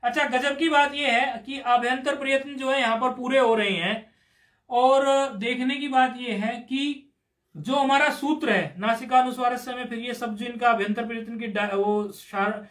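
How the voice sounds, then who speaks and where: A man's voice: very high voice, fairly even intonation, normal speed, fairly bright tone. A man teaching Sanskrit grammar in a live class, explaining patiently step by step and asking his students questions. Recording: roomy echoey room.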